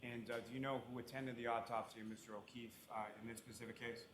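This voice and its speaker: Fast-talking attorney questioning a witness. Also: male voice, medium pitch, level tone, fairly bright tone, slightly rough. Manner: methodical, fills with "uh". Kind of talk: courtroom questioning.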